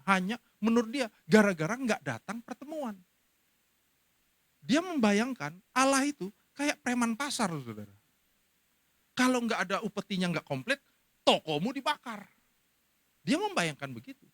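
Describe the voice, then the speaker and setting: A middle-aged man preaching as a pastor to a congregation, telling stories in an animated way. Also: sits high, normal speed, pauses often, no room sound. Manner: animated storytelling, acting out quoted speech. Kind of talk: sermon.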